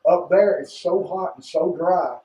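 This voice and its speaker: A man's voice: sits high, a little slow, dark tone. A man guiding a tour with cave-like echo, far off. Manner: folksy, explanatory, asks the group questions. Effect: cave-like room echo. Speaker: distillery tour guide. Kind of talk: guided tour talk. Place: large bourbon barrel warehouse. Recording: echoey warehouse, distant, lo-fi phone camera.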